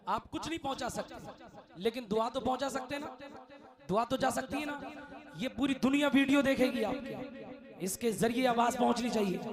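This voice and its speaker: A man reciting devotional poetry who speaks earnestly to a gathering, urging them to raise their hands and join in. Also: very high voice. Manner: earnest, pleading appeals. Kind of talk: addressing a gathering between chanted verses. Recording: clear music behind the voice.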